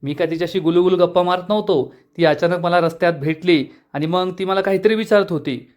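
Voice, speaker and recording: A man's voice: high-pitched, fairly quick, natural voice. Male reader as an irritated, defensive young man. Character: irritable young village man, shy in love.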